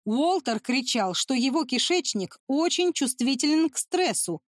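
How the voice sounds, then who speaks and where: A woman reading a tense adventure novel as an audiobook narrator, in steady storytelling. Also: high-pitched, a little slow, no room sound, clean studio sound.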